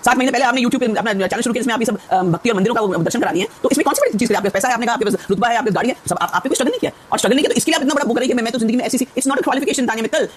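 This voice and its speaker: A woman contestant on a reality show, rapidly and insistently accusing someone in a heated confrontation. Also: a little high, slight background noise.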